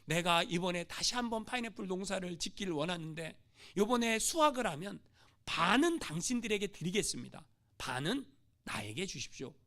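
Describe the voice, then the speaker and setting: A man's voice: high voice, big pitch swings, brisk, fairly bright tone, heavily acted. A man voicing an indignant male missionary who keeps exclaiming his complaints, in a sermon story. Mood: calm, reasoning.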